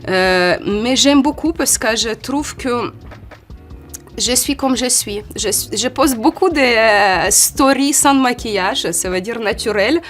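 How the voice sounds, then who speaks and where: A woman in her forties from Ukraine with a Ukrainian accent, a model answering interview questions in a halting way, often restarting. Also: a little high, soft background music. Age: 40s. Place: photo studio.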